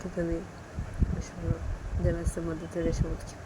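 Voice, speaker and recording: A woman's voice: lowish voice, normal speed, background noise. A woman narrating a romantic story in a casual, unscripted way with repeated linking phrases. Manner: repetitive linking phrases, relaxed retelling.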